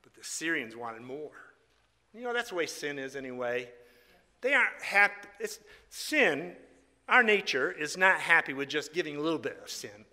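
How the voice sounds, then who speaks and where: A bright, high-voiced male preacher with a slightly raspy voice gives an informal sermon, broken up by congregational singing. He's folksy and teasing, joking with the people gathered in a large reverberant hall. A stand microphone or PA picks him up, and the echoey room leaves a long reverb on everything.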